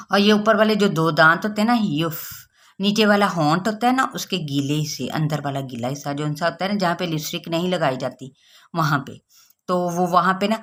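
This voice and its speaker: A woman teaching Quran recitation rules patiently, checking with her listeners and drawing out example words slowly. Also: lowish voice, a bit bright. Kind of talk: tajweed lesson.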